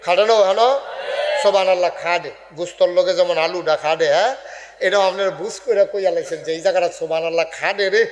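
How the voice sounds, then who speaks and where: A man gives a humorous sermon, quizzing and teasing the crowd in call-and-response, shouting some words and singing others. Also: high-pitched, brisk, in a large hall. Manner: shouts key words, sings some phrases. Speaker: Islamic preacher. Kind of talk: humorous sermon at a religious gathering. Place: large religious gathering over loudspeakers.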